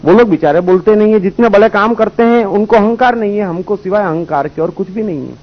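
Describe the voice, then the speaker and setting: High-voiced man giving a spiritual talk. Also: quick pace. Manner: storytelling, rhetorical questions, voices characters in anecdotes. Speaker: spiritual speaker. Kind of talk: spiritual discourse with parables. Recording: dull lo-fi old recording.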